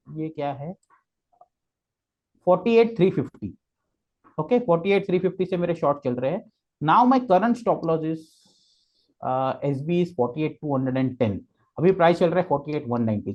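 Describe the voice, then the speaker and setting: A high-pitched male voice with a darkish tone comes through lo-fi sound. As the trading guest expert, he explains the charts step by step, mixing Hindi with English and checking in frequently with "okay."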